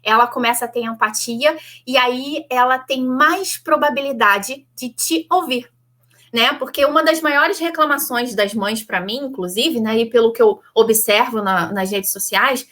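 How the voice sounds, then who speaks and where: A woman's voice: high voice, measured pace, sharp tone. A woman psychologist with a Brazilian Portuguese accent gives parenting advice in a teaching manner, often ending points with a checking "right?". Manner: didactic, frequent checking "tá?" tags.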